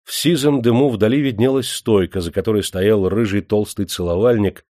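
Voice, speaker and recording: A man narrating an audiobook in a measured, steady reading style. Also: lowish voice, dry recording, studio quality. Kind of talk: scripted narration.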